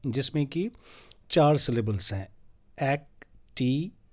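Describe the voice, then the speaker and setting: A man teaching English word stress, spelling out letters and syllables slowly and deliberately. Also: mid-range voice, expressive, darkish tone, no echo, clean studio sound. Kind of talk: educational lesson, mixing Hindi and English.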